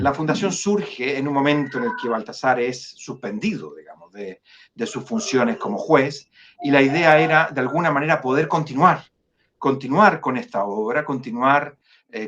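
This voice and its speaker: A Chilean man, director of a foundation, speaking as a guest in an online interview. He talks in a measured, hesitant way with many fillers and restarts. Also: medium pitch, fairly bright tone, muffled recording.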